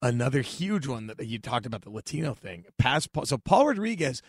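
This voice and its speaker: A stand-up comedian appears as a podcast guest, chatting casually and telling profane, animated stories while acting out other people's lines. His husky, mid-range voice moves fairly quickly, captured in clean studio sound with no room echo.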